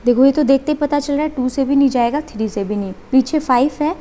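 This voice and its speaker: A woman's voice: high voice, fast talker, warm tone. A woman teaching a maths lesson, working step by step and asking and answering her own questions.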